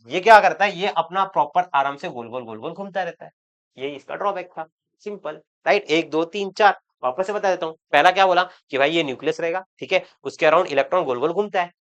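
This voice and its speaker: A man's voice: a little high, fast talker, fairly bright tone, muffled recording. A man teaching chemistry in an online lecture, chatty and joking with students, repeating words for emphasis. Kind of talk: online exam-prep lecture.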